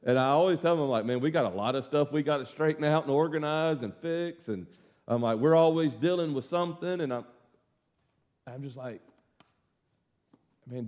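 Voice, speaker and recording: Middle-aged pastor, folksy and self-mocking, animated pitch swings. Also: male voice. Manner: folksy, self-deprecating storyteller with lively swings. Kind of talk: casual Bible study teaching.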